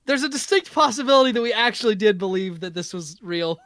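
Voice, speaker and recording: A man's voice: sits high, lively intonation, fast talker, fairly bright tone, no echo. A man co-hosting a podcast, telling stories in casual chat, rambling and correcting himself as he goes. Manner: rambling storytelling with frequent laughs and self-corrections. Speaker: podcast co-host.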